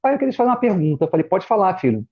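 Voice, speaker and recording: A middle-aged Brazilian man with a high, slightly husky voice tells personal stories as a guest in a relaxed chat. He is a former pastor and acts out his children's voices as he goes. The sound is dull and lo-fi, like a streamed call. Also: racing. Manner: animated, acts out family members' voices in quotes. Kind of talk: casual chat, personal storytelling. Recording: muffled lo-fi live stream audio.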